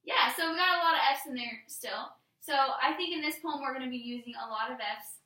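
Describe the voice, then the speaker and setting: A woman's voice: high-pitched, a little fast, pushed and bright. A woman teacher leading a classroom lesson, explaining patiently step by step. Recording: roomy classroom, mic far off.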